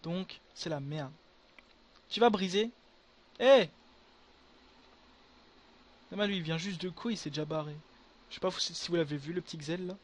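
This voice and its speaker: A young man giving casual gameplay commentary to his viewers, excitable and full of crude slang. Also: a little high, normal speed, long pauses. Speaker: gaming video creator.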